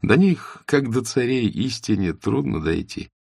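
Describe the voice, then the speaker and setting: A man's voice: medium pitch, expressive, unhurried, gravelly, darkish tone, breathy edge, no room sound, studio quality, voice pushed up, heavily acted. A man voicing a friendly, inquisitive young man in a classic novel audiobook, probing and earnest. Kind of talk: audiobook character reading.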